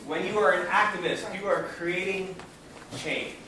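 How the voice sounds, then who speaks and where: A male trainer lectures with energy, asking the group questions as he goes. His voice sits fairly high for a man. The room is very echoey, the mic is far away, and a steady noise runs underneath. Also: a little slow. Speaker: peer education trainer.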